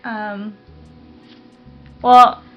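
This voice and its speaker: A woman's voice: mid-range voice, drawn-out words. Chatty woman podcast host, slightly dull sound. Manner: relaxed, chatty, many fillers. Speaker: podcast co-host, garden operations manager. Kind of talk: casual chat.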